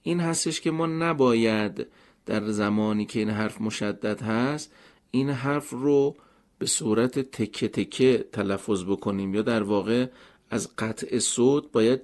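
A man teaching correct Quranic letter pronunciation in a polite, measured, step-by-step instructional manner. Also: mid-range voice, a little mellow. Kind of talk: formal instructional talk.

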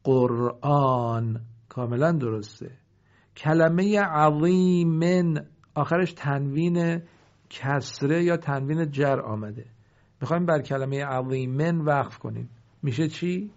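A man with a fairly high, darkish voice teaches the rules of pausing in Quran recitation, slowly drawing out each example word. He then asks what it becomes and answers his own question. The recording's highs are cut off.

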